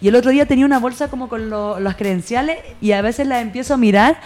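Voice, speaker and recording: Chilean woman, podcast co-host type, rapid lively anecdotes, light music bed. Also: a little high. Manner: animated storytelling, quick and laughing. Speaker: backstage producer telling stories. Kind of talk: casual podcast chat.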